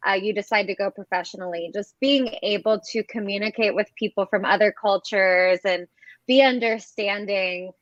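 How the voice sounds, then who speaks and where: A young woman from Ohio, USA, hosts a live interview in an upbeat way, often saying "awesome." Her voice is medium-pitched at a moderate pace with no room sound, though the recording is dull and lo-fi.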